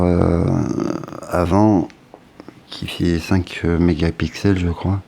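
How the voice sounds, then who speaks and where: Deep guy unboxing a phone, slow and unhurried, um-ing as he goes. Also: vocal fry, dark tone, a little hiss or hum. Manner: unhurried, thinking aloud with hesitant fillers. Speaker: tech unboxing vlogger. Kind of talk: casual unboxing commentary.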